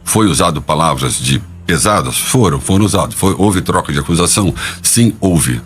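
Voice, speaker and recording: A man's voice: deep voice, animated, moderate pace. A man answering interview questions defensively, hesitant and stumbling as he repeats words.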